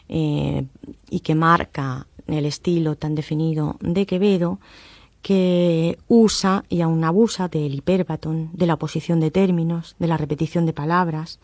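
A woman lecturer explaining text analysis in a measured way, often pausing with "eh" and tag questions. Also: low-pitched, darkish tone, dry recording. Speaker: university lecturer.

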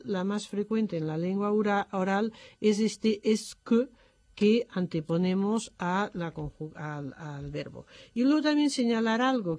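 Woman teacher, methodical explainer who pauses with fillers, warm low-key timbre. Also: no echo. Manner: methodical, often pausing on "eh" and "entonces". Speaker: French language teacher. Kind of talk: explanatory lecture.

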